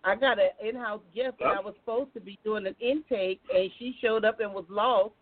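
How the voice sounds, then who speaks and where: An American woman with a medium-pitched, brisk voice hosts a casual live talk show and takes calls. She keeps her questions informal, folksy and conversational, heard through thin phone-like audio.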